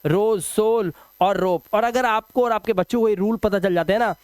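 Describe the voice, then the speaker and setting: A man teaching English phonics rules in a video lesson, patiently repeating example words slowly and quizzing the viewer. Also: sits high, a little mellow, no echo.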